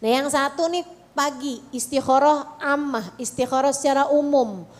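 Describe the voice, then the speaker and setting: This woman's voice is high-pitched and moves at a moderate pace. A middle-aged religious teacher with an Indonesian accent, she leads an earnest Islamic study session for women, frequently asking them questions.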